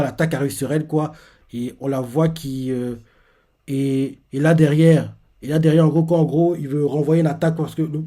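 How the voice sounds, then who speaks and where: A man streaming live, recapping a manga chapter in a casual, halting way, full of fillers and restarts. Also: mid-range voice, dark tone. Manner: hesitant, many fillers and restarts, repeats himself while explaining.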